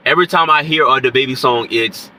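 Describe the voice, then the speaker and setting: A man with a mid-range, nasal, congested voice talks fast, bright and forceful, with slight background noise. He's an independent rapper who is sick with a stuffy nose and scratchy throat, rambling casually on camera about hip-hop and constantly dropping "you know what I'm saying."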